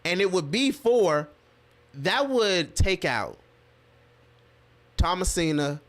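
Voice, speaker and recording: A man's voice: high-pitched, takes it slowly. Emphatic man co-hosting a local podcast. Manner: animated, emphatic, laughs often. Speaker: podcast co-host. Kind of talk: casual political chat.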